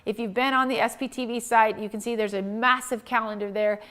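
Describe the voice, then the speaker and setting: A woman's voice: fairly high pitch, fairly even intonation, brisk, a bit bright. A woman in her forties hosting a photography stream, talking in a chatty, gushing way with many restarts. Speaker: host. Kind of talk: live-streamed giveaway talk.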